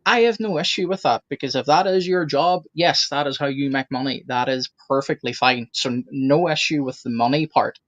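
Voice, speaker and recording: A man co-hosting a casual discussion, giving his honest opinion frankly and deliberately over a remote call. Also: mid-range voice, fairly bright tone, no echo. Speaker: podcast co-host. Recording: dry, dull lo-fi call audio.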